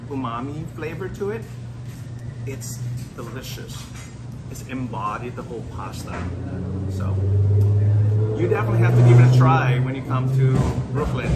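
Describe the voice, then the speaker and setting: A man in his forties vlogging a meal in a small restaurant, enthusiastic and savoring every bite. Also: mid-range voice. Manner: enthusiastic, savoring food with drawn-out exclamations. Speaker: food vlogger. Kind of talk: casual food vlog. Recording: restaurant noise behind.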